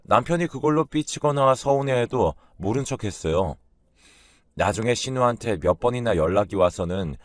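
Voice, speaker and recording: Low-voiced man narrating a story. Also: dry recording. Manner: complaining, resentful. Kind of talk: first-person story narration.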